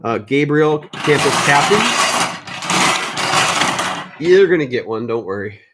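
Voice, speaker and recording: A man's voice: a little high, animated, slow pace, very noisy. A man hosting a live card break, chatting casually, calling viewers by name and fixing his own mix-ups.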